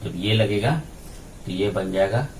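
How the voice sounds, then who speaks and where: A male teacher giving a grammar lesson, spelling out sounds one at a time in a slow, deliberate way. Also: lowish voice, darkish tone, slight background noise, rough recording. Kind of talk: grammar lesson explaining on a board.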